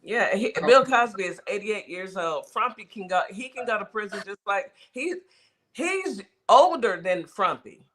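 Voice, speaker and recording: Emphatic talk show host, bright voice. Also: medium pitch, expressive, unhurried. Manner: emphatic, repeats points for weight. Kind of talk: casual radio talk show chat.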